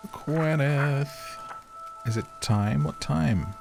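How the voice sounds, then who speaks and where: With music running underneath, a British gaming video host offers relaxed, conversational commentary and jokingly talks to the characters on screen. His voice is a little high, creaky, and very slow.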